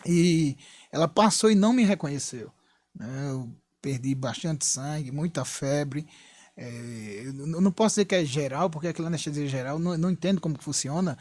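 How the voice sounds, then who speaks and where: Brazilian guy giving church testimony, kinda high voice, dry close sound, earnest and repetitive. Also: animated, fairly quick, darkish tone, no room sound. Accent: Brazilian Portuguese. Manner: earnest, repetitive storytelling with frequent "né?".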